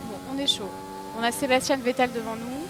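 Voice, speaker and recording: A woman's voice: a little high, fairly quick. A woman streaming a racing game, chatting to her audience, yelping at her mistakes and poking fun at herself. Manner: excitable, talks to her audience, yelps and self-mocks. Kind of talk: live gameplay commentary. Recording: racing game engine noise behind.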